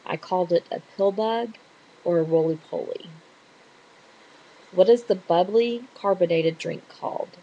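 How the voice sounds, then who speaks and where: Middle-aged Texas woman with a creaky voice. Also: fairly low pitch, a little slow, long pauses, lo-fi sound. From Texas, USA. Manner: chatty, rambling. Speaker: blogger answering an accent questionnaire. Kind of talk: casual chat, answering read-out questions. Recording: hissy home recording.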